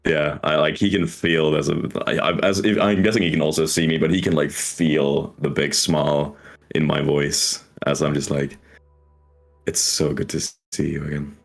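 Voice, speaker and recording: Man, tabletop player, extremely deep voice, gravelly, hesitant, faint music behind. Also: steady tone, moderate pace. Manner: hesitant, lots of fillers. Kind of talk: casual tabletop role-play.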